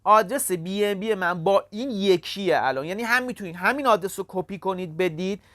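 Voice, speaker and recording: Tutorial host, casual and halting, mid-pitched, dry close sound, calls viewers kids and friends. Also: fairly bright tone, dry recording. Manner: talks step by step, halting with frequent "uh" fillers. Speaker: crypto tutorial channel host. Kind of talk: casual screen-recorded walkthrough.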